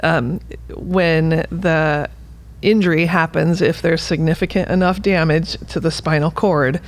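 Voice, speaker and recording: A woman's voice: low-pitched, steady tone, a little slow. A woman physical therapist explaining things earnestly in plain terms as a podcast guest. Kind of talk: conversational interview.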